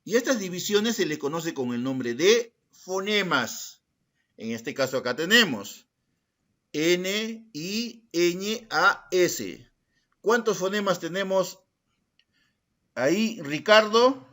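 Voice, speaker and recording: A man's voice: sits high, lively intonation, slow pace, bright, forceful tone. A male schoolteacher teaching a class, calling on students by name, repeating their answers and posing questions in their voice. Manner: asks rhetorical questions in the students' voice. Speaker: secondary school language teacher.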